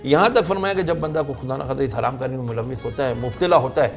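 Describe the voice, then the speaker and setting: A middle-aged man, a religious scholar with a Pakistani Urdu accent, tells a long story and acts out the people in it. His voice is gravelly with a lot of creak, at a medium pitch. Soft music plays behind him. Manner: narrates at length, acting out the people in his stories.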